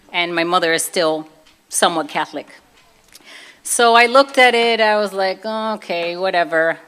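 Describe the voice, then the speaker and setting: Bright and pushed, this mid-range voice belongs to a Brooklyn-accented woman from Brooklyn, New York. She's giving an informal talk about her life, recounting it casually and performing bits of the dialogue along the way.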